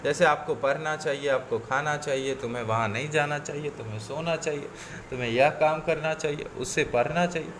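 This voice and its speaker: A man's voice: on the high side, brisk, few pauses, a bit bright, slight background noise. A man teaching a coaching class, reciting word forms in patient lists and mixing English words into his explanations.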